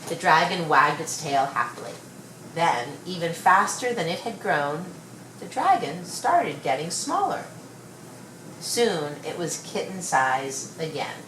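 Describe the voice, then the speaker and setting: In a roomy space with a little background noise, a woman narrates a children's story read-aloud. Her voice is low, and she delivers it in an expressive, measured way.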